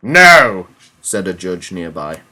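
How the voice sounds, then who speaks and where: A teenage boy with a fairly low voice hosts a homemade comedy podcast at a normal pace, congested from a cold. He tells an absurd story and chats casually with hesitant, rambling ums, all over loud music.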